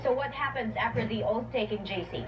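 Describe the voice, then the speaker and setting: Woman news anchor over clear background noise. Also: a little high, fairly quick, dull audio. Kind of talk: news anchoring, questioning a live reporter. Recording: noisy, distant broadcast sound.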